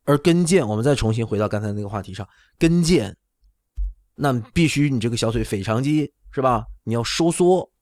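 A man's voice: medium pitch, lively intonation, brisk, darkish tone, dry recording. Middle-aged man explaining, fairly dry sound. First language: not Chinese. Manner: explanatory, often checking with "right?". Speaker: orthopedic doctor explaining on a talk show. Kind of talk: casual medical explanation.

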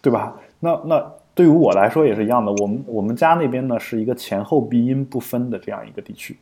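A man's voice: mid-range voice, quick pace, mellow. A man co-hosting a podcast in casual explanatory chat, thinking aloud with frequent fillers and restarts. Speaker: podcast co-host.

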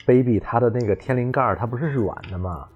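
A man's voice: mid-range voice, fast, slightly rough, highs cut off. A man who is a guest on a casual podcast chat, telling his stories expressively. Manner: expressive, sighs "哎呀" when he tells of hard moments.

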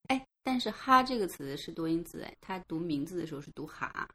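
A woman's voice: lowish voice, expressive, quick pace, bright, forceful tone, slight background noise. A woman chatting casually on a podcast, with a playful, lightly teasing manner. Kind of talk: casual chat.

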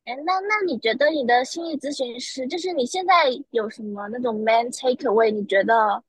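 A woman's voice: on the high side, husky, no echo, poor audio. A woman co-hosting a casual podcast chat while driving home, reacting with teasing comments. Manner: reactive, teasing, quick to interject. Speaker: podcast co-host.

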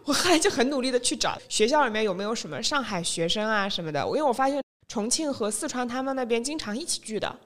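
Lively fast-talking Shanghai woman. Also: on the high side. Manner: chatty, lively storyteller, quotes people and mixes in English phrases. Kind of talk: casual chat.

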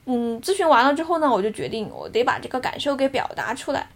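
A woman's voice: high-pitched, huge pitch swings, fast talker, creaky. A woman in her thirties on a casual podcast, telling a personal story in an earnest, reflective way. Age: 30s. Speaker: podcast co-host.

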